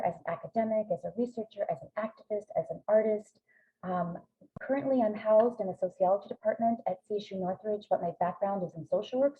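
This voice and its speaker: A woman from a Greek American family, whose first language is Greek, presents research in an academic webinar, speaking earnestly with frequent ums. Her medium-pitched voice has a breathy edge, and the line sounds tinny, like a phone.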